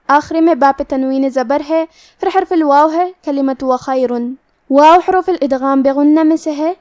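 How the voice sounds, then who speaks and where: A woman with a Pakistani Urdu accent teaching Quran recitation rules methodically, then reciting each word slowly. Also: high voice, a little mellow. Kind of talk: tajweed lesson with slow recitation.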